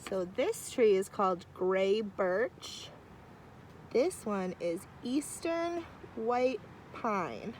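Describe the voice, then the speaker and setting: A teacher with a medium-pitched voice reads a picture book to a group of children outside among trees. She keeps the storytime slow and warm but tosses in lively, chatty comments along the way. There's slight background noise.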